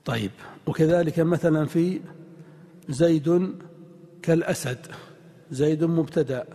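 A man's voice: fairly high pitch, mellow. Male teacher lecturing in a reverberant hall. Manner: deliberate, spells out examples, asks the class questions. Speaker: grammar teacher. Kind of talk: lecture on Arabic grammar.

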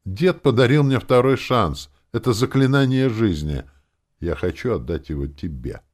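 Мужчина-чтец озвучивает призрачную молодую жену-эльфийку из аудиокниги, которая говорит то умоляюще, то строго. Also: male voice, lowish voice, animated, normal speed, a little mellow, voice pushed up. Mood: pleading. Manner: pleading, then stern. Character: ghostly young elf wife, gentle but firm.

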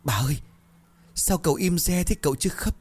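A man's voice: mid-range voice, lively intonation, normal speed, voice pushed up, lightly acted. A man voicing a timid, deferential young servant girl in a told horror story. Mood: tearful.

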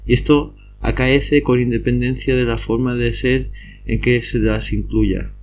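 A man reading lecture notes aloud at a steady pace, often stumbling and restarting words. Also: mid-range voice, measured pace, a little hiss or hum. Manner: reads steadily with frequent slips and restarts. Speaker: reader of study notes. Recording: slightly dull lo-fi recording.

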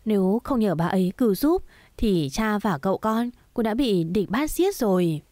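A woman voicing a gentle grieving mother. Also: mid-range voice, expressive, normal speed, dry recording, clean studio sound, lightly acted. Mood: recounting. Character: grieving middle-aged mother, gentle and patient.

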